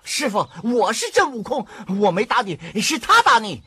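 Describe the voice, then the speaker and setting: A shrill, husky monkey king in a TV drama. His very high, bright voice leaps wildly up and down as he argues insistently and quarrels without letup. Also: very animated, moderate pace, full character voice. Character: boastful male monkey king, hot-tempered. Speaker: actor. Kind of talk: TV drama acting.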